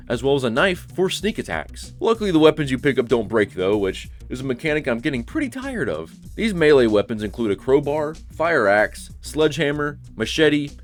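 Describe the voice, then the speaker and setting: Brief: young man, mid-range voice, blunt, profane game-review commentary. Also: mid-range voice. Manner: sarcastic, blunt, swears. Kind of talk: casual video game commentary.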